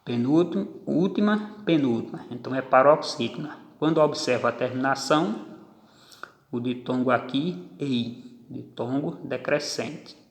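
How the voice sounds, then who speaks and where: A man teaching a grammar lesson, explaining step by step and counting out syllables one by one. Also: medium pitch. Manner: slow, deliberate, spells out syllables. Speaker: Portuguese teacher. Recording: echoey room with long reverb.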